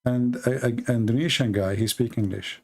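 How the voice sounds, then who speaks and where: A man giving late-night livestream commentary, mocking and halting, with sarcastic asides. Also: medium pitch, creaky, darkish tone. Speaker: online debate streamer.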